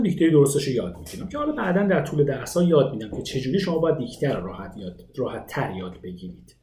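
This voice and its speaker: A man gives a language lesson with a mellow, relaxed tone. His voice swings widely in pitch as he stresses each point, and the room around him rings with echo. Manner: explains with lively rising emphasis. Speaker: English teacher.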